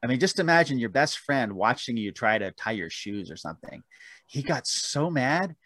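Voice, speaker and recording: A man's voice: medium pitch, big pitch swings, normal speed, fairly bright tone, dry recording. A man guest telling rambling, self-deprecating stories about his book in a casual interview, with frequent restarts. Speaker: author guest.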